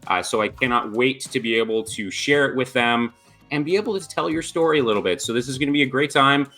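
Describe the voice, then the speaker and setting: Male podcast host, bright forceful tone, upbeat, rambling questions; faint music under. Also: mid-range voice, expressive, quick pace. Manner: upbeat, rambling with repeated restarts. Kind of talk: casual interview hosting.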